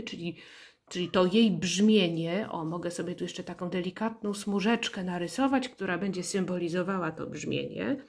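A woman's voice: lowish voice, breathy edge. A woman teaching a music rhythm lesson, explaining note values patiently and counting beats aloud. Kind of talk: slow, deliberate classroom explanation.

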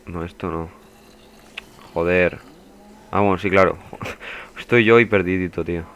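A young man delivers swearing, laid-back let's play commentary for his gaming channel, his voice low and steady at a normal speed. Faint hiss or hum sits under the audio, and he occasionally bursts out in panicked yelling.

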